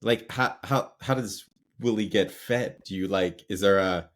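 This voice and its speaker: A fairly low-voiced man hosts a casual podcast. He asks loose, rambling questions and reacts to his guest with quick asides. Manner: chatty, reacts with laughs and asides. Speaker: podcast host. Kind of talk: casual chat.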